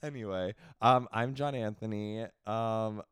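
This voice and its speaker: A man co-hosting a casual podcast chat, with a raspy, husky voice from a cold, teasing and joking. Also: lowish voice, unhurried, a bit bright, dry recording, studio quality. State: congested from a cold. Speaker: podcast co-host.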